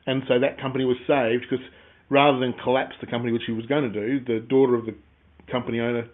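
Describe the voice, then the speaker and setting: Man, co-host, casual business talk, joking and animated, tinny phone-like sound. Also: medium pitch, fast. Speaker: podcast co-host.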